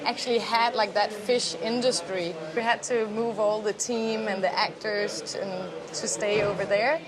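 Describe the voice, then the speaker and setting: A woman from Denmark, a film producer, telling a story in a lively, chatty way with many "like"s. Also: mid-range voice, normal speed, rough recording. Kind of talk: interview at a film festival. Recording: crowd chatter behind.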